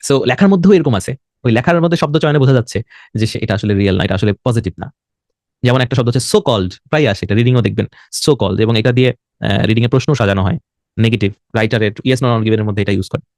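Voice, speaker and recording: A young man with a Bangladeshi accent whose first language is Bengali, teaching an online IELTS lesson. He explains things slowly, drops English words into his talk and writes on a board as he speaks. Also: mid-range voice, darkish tone, no room sound, studio quality. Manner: writes on a board while talking.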